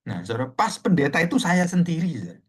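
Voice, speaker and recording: Brief: middle-aged pastor, husky voice, chatty sermon that keeps turning to the congregation. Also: male voice, on the high side, sing-song, fast. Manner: conversational, addresses listeners as "saudara".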